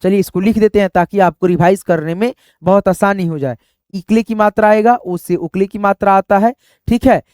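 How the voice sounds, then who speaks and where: A man's voice: sits high, moderate pace, darkish tone, no echo, studio quality. A man teaching a reading lesson, patiently repeating each step and addressing viewers as friends. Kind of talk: explaining a spelling lesson.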